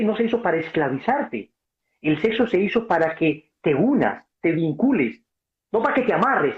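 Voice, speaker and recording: A man giving passionate, preaching-style answers on a video call, emphatic and acting out dialogue. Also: high voice. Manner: emphatic, acts out dialogue, addresses listener as brother. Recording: dull lo-fi video call audio.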